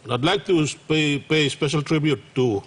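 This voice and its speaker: A man with a Papua New Guinean accent giving a formal, measured and halting parliamentary speech as a government minister. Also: fairly high pitch, slightly rough.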